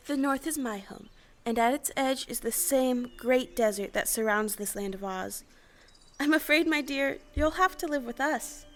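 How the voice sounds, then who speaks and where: A woman acting a kindly old good witch in a stage audio play, with deliberate, formal, solicitous speech. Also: high-pitched, fairly bright tone. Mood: regretful.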